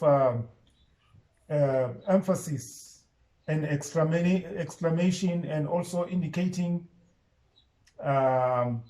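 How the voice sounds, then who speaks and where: A male teacher leads an online class, walking students step by step through a grammar lesson and quizzing them as he goes. His voice sits a little high for a man and has a mellow, dark tone. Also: rough recording. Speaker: Islamic studies and Arabic teacher.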